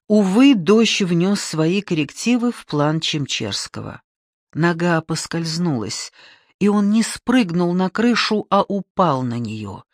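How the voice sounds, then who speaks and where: A narrator reading a novel aloud in an expressive storytelling manner. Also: medium pitch, takes it slowly, no echo, clean studio sound. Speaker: audiobook narrator. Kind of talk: scripted audiobook narration.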